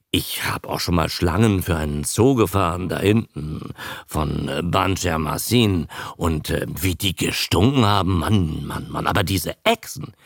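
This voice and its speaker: A man's voice: deep voice, creaky, no room sound, clean studio sound, voice pushed down, heavily acted. A man reading a radio story, voicing a boastful, blustering Irish sailor telling a yarn.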